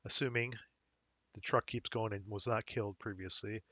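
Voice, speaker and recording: A man hosting a wargame rules tutorial, talking casually and thinking aloud with fillers as he checks the rules, a little hoarse. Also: on the low side, fairly even intonation, moderate pace, pushed and bright, no room sound, dull audio. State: slightly hoarse, losing his voice. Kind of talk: screen-recorded game rules walkthrough.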